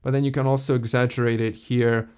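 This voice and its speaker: A man hosting a casual software tutorial, explaining a plugin in a relaxed way with loose fillers. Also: medium pitch, brisk, clear, resonant tone. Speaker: tutorial host.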